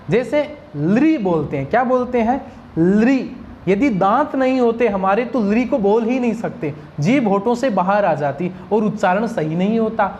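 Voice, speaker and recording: A woman's voice: on the high side, a little mellow, slight background noise. A woman teaching Sanskrit pronunciation, drilling single sounds and answering her own questions to the class. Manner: asks questions and answers them herself; drills sounds one at a time. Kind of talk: pronunciation lesson.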